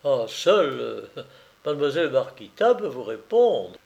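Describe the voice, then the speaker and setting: A man reading a novel aloud, voicing an eager young male illustrator with lively, emphatic delivery. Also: mid-range voice, measured pace, gravelly, lo-fi sound. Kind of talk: audiobook character reading.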